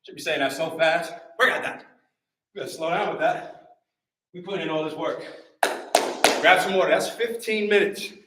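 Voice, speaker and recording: A man coaching a live workout, energetic and encouraging, repeating short cues while a little out of breath. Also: a little high, moderate pace, pauses often. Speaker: fitness coach. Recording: roomy echo.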